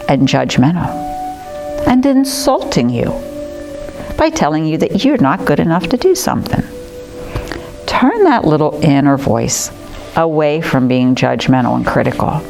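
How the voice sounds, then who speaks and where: A woman teaching a chair yoga class in a gentle, encouraging and soothing way, with music playing behind. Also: deep voice, sing-song, a little slow, gravelly, long pauses. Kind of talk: guided class instruction. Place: community arts center class room.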